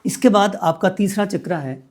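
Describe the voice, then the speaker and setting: A man's voice: sits high, normal speed, a little mellow. A man teaching meditation as a guest, explaining each step patiently and repeating key points. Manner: patient, repetitive step-by-step instruction.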